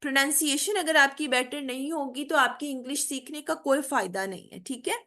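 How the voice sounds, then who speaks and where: A woman teaching a spoken English lesson in Hindi, enunciating English example words slowly and often asking "theek hai?". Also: sits high, sharp tone. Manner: frequent "theek hai?" check-ins and "uh" fillers. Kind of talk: online spoken English lecture.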